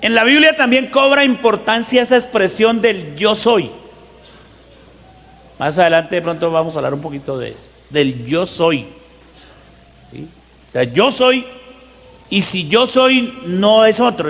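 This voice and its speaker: A man preaching a teaching sermon, who asks the congregation rhetorical questions and slows down to stress scripture verses. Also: high-pitched, animated, fairly bright tone. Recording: long hall reverb.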